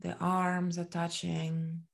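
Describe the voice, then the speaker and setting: Here a woman with a lowish, gravelly voice takes listeners through a body scan meditation. She is gentle and calming, with long gaps between phrases and an entirely flat delivery.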